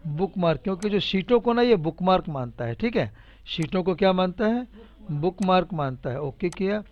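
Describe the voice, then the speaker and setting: In a casual live spreadsheet tutorial, a male computer teacher with a high, expressive voice talks through the steps at a normal speed. His manner is chatty and repetitive, mixing teasing with encouragement, and the audio is dull and lo-fi.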